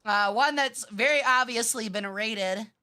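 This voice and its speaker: A woman's voice: a little high, a little slow, pushed and bright. A woman livestreamer chatting to her viewers in a playful, cutesy anime-streamer manner.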